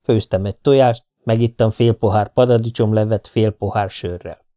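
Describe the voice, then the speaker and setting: A man's voice: fairly low pitch, steady tone, warm tone, lo-fi sound. A man reading a first-person hard-boiled novel aloud, in a dry, laconic manner. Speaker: audiobook reader. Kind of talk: first-person audiobook narration.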